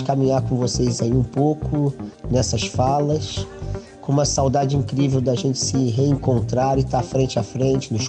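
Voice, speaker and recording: A philosophy professor introducing his series with a friendly, personal address to his listeners. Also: mid-range voice. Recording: voice over background music.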